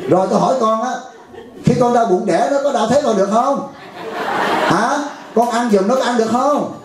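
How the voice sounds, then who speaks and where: A man's voice: extremely high pitch, noisy background. Guy giving a buddhist talk, jokey, keeps asking "right?", big echoey room. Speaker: Buddhist teacher. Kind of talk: dharma talk at a retreat. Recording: very echoey hall.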